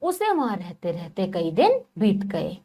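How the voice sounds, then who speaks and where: A woman's voice: on the low side, wildly swooping pitch, a little slow, warm tone, a little hiss or hum. A woman teacher reading a story aloud to children, retelling each passage and asking them questions.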